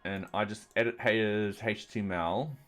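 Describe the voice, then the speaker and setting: A man's voice: fairly low pitch, normal speed, fairly bright tone, soft background music. A man streaming himself writing code, talking casually through each step with dry, slightly sarcastic asides. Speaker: streamer and software developer. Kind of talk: live coding commentary.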